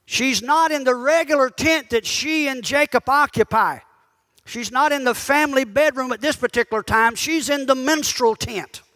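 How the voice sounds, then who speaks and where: With an extremely high, bright, forceful voice at a moderate pace, a male preacher delivers sermon teaching conversationally, addressing the congregation directly and firing pointed questions at them.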